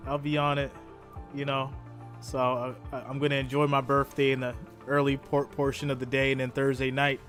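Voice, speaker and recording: A man's voice: mid-range voice, fairly bright tone. Rambling man in his thirties streaming. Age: 30s. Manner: rambling, repeats himself and restarts often. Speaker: live stream host reacting to a game. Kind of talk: casual live-stream chat with viewers.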